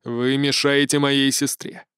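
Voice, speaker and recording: A male audiobook reader voicing a cold, measured, menacing male being. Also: mid-range voice, level tone, a bit bright, clear, resonant tone, no room sound, clean studio sound, lightly acted. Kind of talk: audiobook dialogue.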